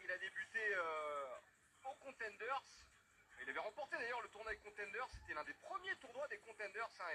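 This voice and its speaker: A man's voice: high voice, bright, forceful tone, slight background noise, rough recording. A man giving sports broadcast commentary as lead commentator, presenting the fighters before a bout. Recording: music playing under the voice.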